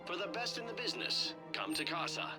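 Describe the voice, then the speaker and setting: A woman playing a shop announcer in a video game, delivering sales pitches as a loudspeaker announcement with smooth, scripted advertising patter. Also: expressive, brisk. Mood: promotional. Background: loud game music.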